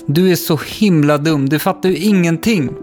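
A man's voice: a little high, music in the background, voice pushed up, natural voice. A man voicing a rude, stubborn young girl who snaps back at her father in a storybook reading. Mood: shouting. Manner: snippy, nonchalant, shouting.

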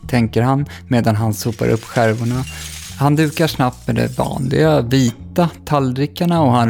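A man narrating a children's story in a calm, even storytelling voice. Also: mid-range voice, creaky.

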